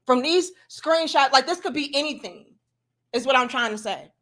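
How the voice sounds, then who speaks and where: A woman livestream host with a somewhat high voice gives opinionated commentary. She is sarcastic and doubting, leaning hard on her points. Her wording is colloquial and aimed directly at the viewers. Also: lively intonation, moderate pace, a bit bright. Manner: skeptical, sarcastically mimics opposing views; emphatic, punchy delivery with rhetorical questions.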